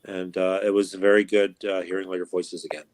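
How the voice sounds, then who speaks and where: A man's voice: deep voice, flat delivery, fairly quick, darkish tone, slight background noise. A man guest in casual chat, easygoing and laid-back.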